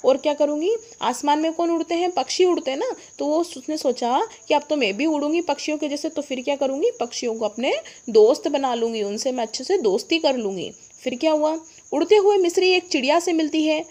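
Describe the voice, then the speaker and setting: A woman's voice: high-pitched, brisk, darkish tone. A woman teacher explaining a story lesson to children, often asking the class questions and answering them herself. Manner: asks the class rhetorical questions.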